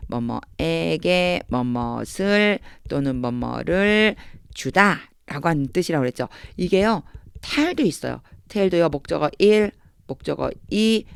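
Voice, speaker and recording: A woman's voice: lowish voice, gravelly, clear, resonant tone, dry recording. Woman language teacher, patient, repeats phrases and acts out lines, dry close sound. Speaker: English Bible reading teacher. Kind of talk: explanatory lesson.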